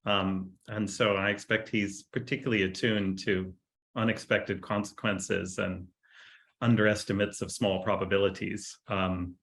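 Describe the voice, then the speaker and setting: Gravelly-voiced male moderator. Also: lowish voice, level tone, a little slow, a bit bright. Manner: hesitant, many ums. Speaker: interviewer reading audience questions. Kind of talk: moderating a conversation.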